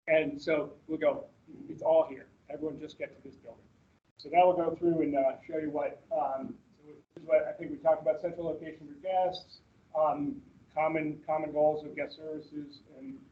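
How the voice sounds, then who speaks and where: A man's voice: fairly high pitch, dull audio. A man giving an informal, conversational staff presentation with slides, explaining things as he goes, on a meeting recording. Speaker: presenter, manager at a ski resort. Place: in-person meeting room, streamed to online attendees.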